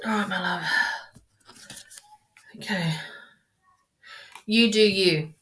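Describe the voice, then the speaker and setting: A woman's voice: medium pitch, very slow, fairly bright tone, slight background noise. A woman giving casual tarot readings on a live stream, chatty and affectionate, rambling and restarting her sentences as she talks to viewers. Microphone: webcam or phone mic on a live stream.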